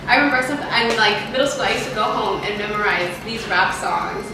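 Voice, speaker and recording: A woman's voice: medium pitch, brisk, background noise. Chatty young woman in an echoey room. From Kenya. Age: 20s. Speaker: interviewee. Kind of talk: casual sit-down chat. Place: living room, indoors. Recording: very echoey room, mic set far off.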